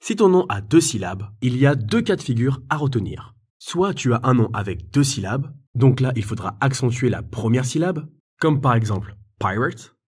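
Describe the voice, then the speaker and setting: A young man presenting quick English pronunciation tips in a friendly, direct way, speaking straight to the learner. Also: medium pitch, sing-song, darkish tone, slightly rough. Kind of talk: upbeat educational explainer addressing the viewer.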